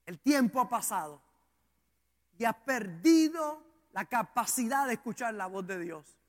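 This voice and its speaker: A man preaching a sermon with dramatic emphasis, slowing down and stretching words, then rushing ahead. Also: extremely high pitch, lively intonation. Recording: long hall reverb.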